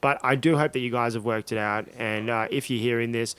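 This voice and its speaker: A man, a comedian co-hosting a podcast, telling a story in an animated way with frequent laughter. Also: mid-range voice, fairly quick, clear, resonant tone. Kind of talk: casual chat.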